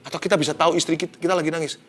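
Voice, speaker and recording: A male pastor, giving an expressive devotional sermon that swings from hushed to loud and mixes in English phrases. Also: fairly high pitch, very fast. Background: soft background music.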